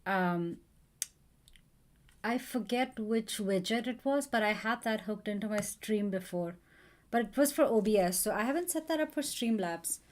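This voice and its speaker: A woman's voice: mid-range voice, expressive, normal speed, darkish tone. A woman live-streaming a coding session, thinking aloud and chatting with viewers as she works.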